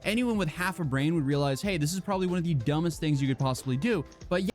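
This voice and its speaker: A man's voice: fairly high pitch, quick pace, soft background music. A man delivering scripted commentary in a sarcastic, mocking tone. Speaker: video commentator.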